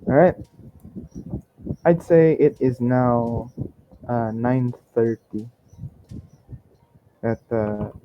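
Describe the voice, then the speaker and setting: A man running a tabletop game as game master, laid-back, laughing often and fumbling through his notes. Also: mid-range voice. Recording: dull lo-fi sound with faint noise.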